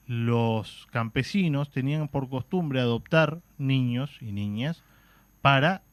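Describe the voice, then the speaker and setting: A man's voice: medium pitch, takes it slowly, no echo. A man with a Uruguayan Spanish accent talking on a radio show. He explains things patiently, often stopping with "este" and "eh" before going on. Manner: explanatory, fillers like "este" and "eh", frequent restarts. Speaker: radio guest explaining history. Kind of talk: radio talk show chat. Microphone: studio microphone.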